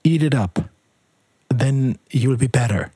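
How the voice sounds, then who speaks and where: A man reading aloud, voicing an anxious mother who speaks softly and urgently to her sick son. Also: medium pitch, unhurried, husky, dry recording, clean studio sound. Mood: urgent, gentle. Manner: soft, hushed and urgent.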